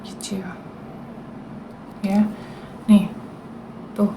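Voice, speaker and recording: A woman's voice: mid-range voice, little pitch movement, drawn-out words, warm tone, slight background noise, poor audio. A woman, hosting a casual livestream and talking indignantly and directly to her viewers. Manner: indignant, talks straight to viewers. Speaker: livestream host.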